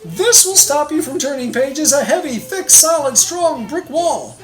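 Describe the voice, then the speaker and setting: A woman's voice: high voice, lively intonation, pitched above the performer's own voice. A woman voicing Grover, a timid furry monster who begs and pleads in a frantic storybook reading. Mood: frantic pleading. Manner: frantic, pleading, drawn-out begging. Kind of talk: storybook read-aloud.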